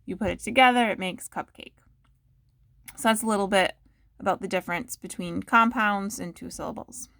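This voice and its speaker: A woman teacher giving a phonics lesson to young children, sounding out the parts of words slowly and clearly and asking the listener questions. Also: medium pitch, a bit bright, dry recording, studio quality. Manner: patient, asks the listener questions.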